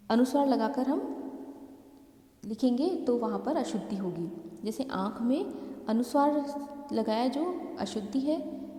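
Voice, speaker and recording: A woman teacher giving a slow, explanatory grammar lesson, spelling out each correction step by step. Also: a little high, warm tone. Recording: echoey room with long reverb.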